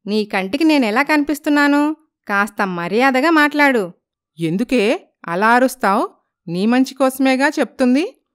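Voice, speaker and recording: A woman's voice: high voice, fairly bright tone, clean tone, pitched above the performer's own voice. A woman voicing a fiery, self-respecting young village woman. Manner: indignant, firm. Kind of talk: animated storybook voice acting.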